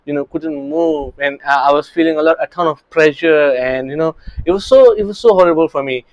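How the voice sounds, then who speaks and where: A Singaporean real estate coach in his thirties speaks earnestly about his early career in a slightly high voice at a fairly quick pace. He often restarts his sentences and adds lots of "you know, right?" tags. The recording is muffled, with no room sound.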